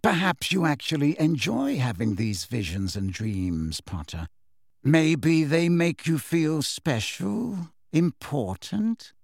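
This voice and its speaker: Guy doing a cold sneery potions master, slow low drawl, dry close sound. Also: big pitch swings, vocal fry, no room sound, exaggerated voice. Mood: sneering menace.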